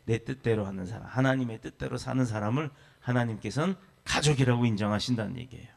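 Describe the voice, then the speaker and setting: A man's voice: medium pitch, fast talker, gravelly. A man who pastors a church, preaching a sermon with emphatic lists and rhetorical questions.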